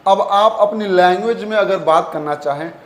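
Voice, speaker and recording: A man's voice: high voice, normal speed, a bit bright. A man teaching a Hindi grammar lesson, calling his students "beta" and "bachche" and repeating each key point. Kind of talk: classroom lesson. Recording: echoey room.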